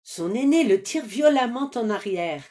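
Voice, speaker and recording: A woman narrating an animated children's series in a gentle, measured storytelling manner. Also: fairly high pitch.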